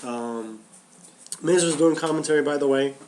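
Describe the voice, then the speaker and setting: A man's voice: fairly high pitch, normal speed, darkish tone, a little hiss or hum. A man co-hosting a podcast, talking casually and animatedly about wrestling, often restarting and repeating phrases. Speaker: podcast co-host.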